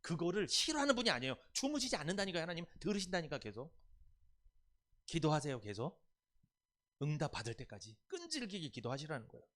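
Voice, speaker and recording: A man's voice: on the high side, fast. A man preaching a Sunday sermon, asking the congregation questions and repeating key words. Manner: lively, rising and dropping loudness. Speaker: pastor.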